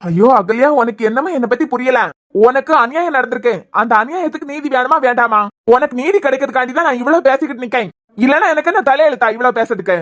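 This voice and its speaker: A woman's voice: sits high, fast, natural voice. A woman voicing a sarcastic young man in a cartoon serial, with a Kanyakumari Tamil accent. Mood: sly. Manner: sarcastic, needling questions. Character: shrewd sarcastic young man probing family.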